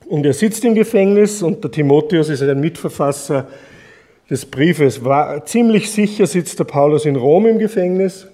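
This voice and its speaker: Mellow-voiced preacher, chatty. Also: male voice, fairly high pitch. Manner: chatty storytelling with rhetorical questions to the listeners. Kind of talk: conversational Bible teaching sermon.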